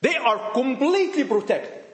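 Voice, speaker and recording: A preacher's high voice rings through a reverberant church, rising and falling dramatically as he pushes his message. Very animated at a moderate pace, he peppers the young audience with rhetorical questions, repeating himself and restarting sentences partway through.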